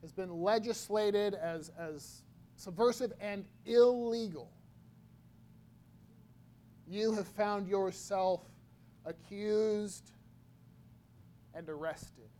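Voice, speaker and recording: A man preaching a sermon, slow and halting, often repeating his words as he goes. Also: high voice, warm tone. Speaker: pastor.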